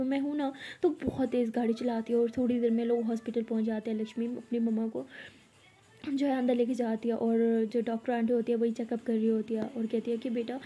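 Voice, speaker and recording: A woman's voice: fairly high pitch, mellow. A young woman telling a story in a chatty, casual way, with fillers and asides.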